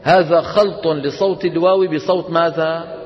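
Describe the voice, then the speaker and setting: A man teaching a tajweed lesson to a class, explaining and then demonstrating slow, drawn-out recitation. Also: fairly high pitch, steady tone. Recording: dull echoey lecture hall recording.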